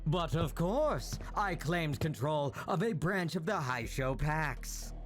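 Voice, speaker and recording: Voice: medium pitch, lively intonation, slow pace, soft background music. A reader voicing a haughty, self-exalting young nobleman in a video game, with a pompous, grandiose manner. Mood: boastful, haughty.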